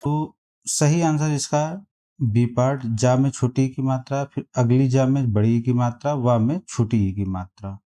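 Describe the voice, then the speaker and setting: A man teaching a spelling lesson, reading out quiz options and repeating each word slowly to compare them. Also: mid-range voice, warm tone. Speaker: exam prep teacher.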